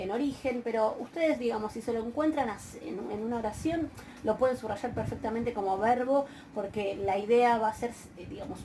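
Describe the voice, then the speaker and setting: A woman's voice: fairly high pitch, background noise. A woman with an Argentine Spanish accent giving a university grammar lecture, explaining patiently with frequent hesitations and check-in questions. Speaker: university Greek teacher. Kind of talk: recorded online lecture.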